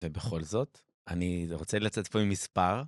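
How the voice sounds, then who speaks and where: A man's voice: deep voice, no echo, studio quality. A man co-hosting a podcast asks questions in a joking way and laughs often. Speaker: podcast co-host. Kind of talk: podcast conversation.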